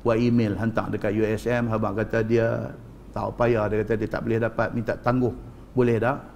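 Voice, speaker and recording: A male preacher with a northern Malay accent giving a religious lecture, telling stories in an animated way, addressing the audience and repeating for emphasis. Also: on the low side, moderate pace, creaky, a little hiss or hum. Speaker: Islamic preacher.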